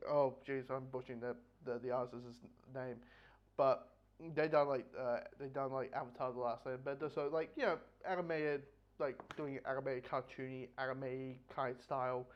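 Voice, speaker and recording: This male book review host talks through an unscripted, casual review at medium pitch. His delivery wanders and stalls, with frequent repeated words and restarts, all captured in dull lo-fi audio.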